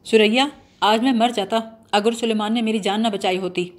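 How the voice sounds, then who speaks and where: A woman's voice: mid-range voice, steady tone, natural voice. Woman reading a blustering pompous young man. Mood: mock-serious. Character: bumbling eccentric young man, mock-serious.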